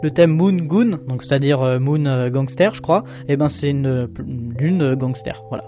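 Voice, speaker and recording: A young man from France flipping through his sketchbook in a relaxed, self-mocking way, with lots of fillers. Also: mid-range voice, moderate pace, lo-fi sound, soft background music. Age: young adult. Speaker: artist showing his sketchbook. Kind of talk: casual commentary.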